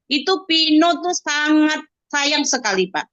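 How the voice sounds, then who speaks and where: A woman's voice: high voice, animated, unhurried, a bit bright, dry recording, highs cut off. A woman, a mother giving an earnest, emotional interview testimonial and often addressing her listener as sir.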